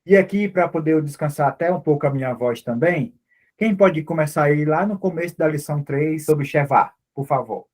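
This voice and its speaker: A Hebrew teacher with a Brazilian Portuguese accent leads an online language class, informal and patient, often checking that his students are keeping up. His voice is on the high side and darkish in tone, at a moderate pace.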